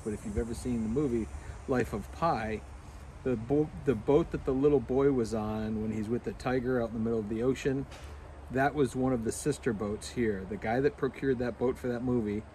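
Man chatting outdoors over clear background noise. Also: mid-range voice, mellow, low-quality recording. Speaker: podcast co-host. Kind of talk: casual podcast chat. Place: outdoors in a backyard.

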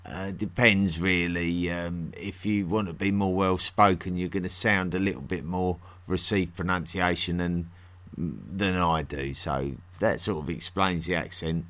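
Low-voiced English man from near London. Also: fairly even intonation, measured pace, a bit bright. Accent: London area English. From England, near London. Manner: friendly, chatty, with many fillers and restarts. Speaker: history podcast host. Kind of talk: solo podcast talk.

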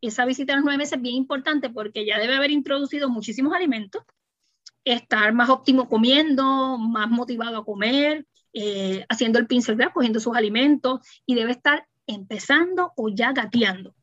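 A woman pediatrician, calmly explaining routine baby checkups in a practical, reassuring manner and acting out parents' questions. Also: fairly high pitch, normal speed, no echo, lo-fi sound. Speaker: pediatrician guest. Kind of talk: explanatory podcast interview.

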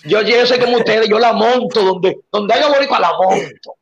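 High-voiced man telling a comic story. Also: normal speed, breathy edge. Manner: animated, acts out voices and shouts punchlines. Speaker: guest. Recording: dull lo-fi sound.

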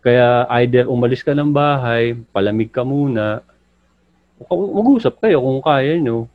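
Dude cohosting, jokey advice, slangy, dry muffled audio. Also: male voice, medium pitch, expressive, unhurried, no room sound. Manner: joking, gives playful advice, blurts out slang. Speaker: podcast co-host. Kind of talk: casual chat. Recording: dull, dry sound.

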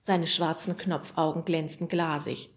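A woman narrating a children's audiobook in a lively storytelling manner. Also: sits low, measured pace. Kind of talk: scripted narration.

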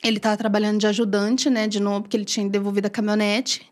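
A Brazilian woman telling a personal faith story as a podcast guest, animated and acting out quoted dialogue. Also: medium pitch, racing. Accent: Brazilian Portuguese.

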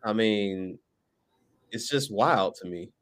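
A man's voice: lowish voice, takes it slowly, a bit bright. A man hosting a casual podcast, joking and emphatic. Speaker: podcast host.

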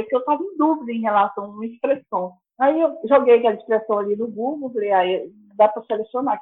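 Brazilian woman podcaster, talkative and exclamatory, breathy husky tone. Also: mid-range voice. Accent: Brazilian Portuguese. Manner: chatty, exclamatory, addresses listeners as "gente". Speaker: podcast host. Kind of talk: casual storytelling monologue. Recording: tinny phone-like audio.

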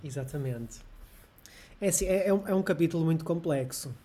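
A man's voice: fairly high pitch, brisk, mellow. A man with a European Portuguese accent, a guest professor, talks through ideas thoughtfully and hesitantly, often restarting his sentences. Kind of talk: casual discussion.

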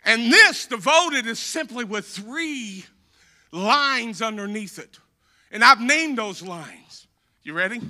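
A male pastor preaching a sermon in a very high, bright, cutting voice. He speaks slowly and deliberately, leaning on repeated phrases. He swings between shouted emphasis and hushed asides.

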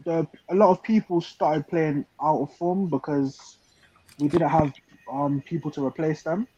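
A man's voice: fairly high pitch, steady tone, measured pace, warm tone, slightly rough, dry recording. A man giving his view as a fan in a casual panel chat, on a dull lo-fi recording. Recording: dull, dry lo-fi sound.

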